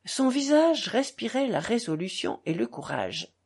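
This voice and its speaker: A woman narrating a novel aloud as an audiobook. Her tone is low, subdued and measured. She reads slowly, with a husky, breathy voice and a lively rise and fall.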